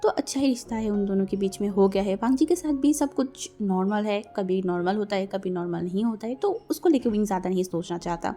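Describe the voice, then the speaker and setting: A woman's voice: medium pitch, animated, fast talker, hardly any pauses, dark tone. A woman reading a fan-fiction story aloud in a chatty, casual way, mixing in English words. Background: faint music.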